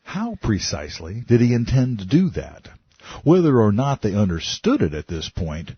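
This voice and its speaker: A man's voice: medium pitch, slightly rough, no room sound, highs cut off. A man narrating a nonfiction book in a wry, conversational way, asking rhetorical questions. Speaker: audiobook narrator.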